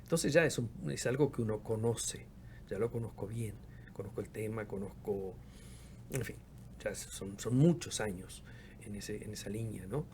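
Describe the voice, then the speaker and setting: With a lowish, darkish voice at a moderate pace, a fiftysomething man from Argentina's Patagonia, a researcher and professor, reflects during a casual interview. He frequently repeats words as he searches for what to say, and there is a bit of background noise.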